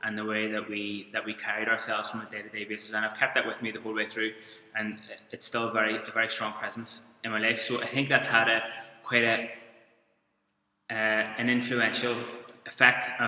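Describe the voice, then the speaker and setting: A strength and conditioning coach in his thirties from Belfast, Northern Ireland, gives a webinar presentation in a Belfast accent, informal and halting with frequent restarts. His lowish voice is bright and forceful, though the delivery is completely flat. The room is echoey with long reverb.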